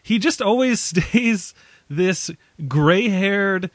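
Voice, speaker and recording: A man's voice: high voice, lively intonation, very slow, dry recording. A man casually discussing a film on a podcast, rambling and laughing often. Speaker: podcast co-host.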